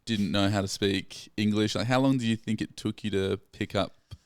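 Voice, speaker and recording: A man's voice: on the low side, fairly even intonation, normal speed, clean tone, dry recording. A young man hosting a podcast, talking in a rambling, chatty way and laughing along with his guest. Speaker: podcast host. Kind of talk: casual podcast chat.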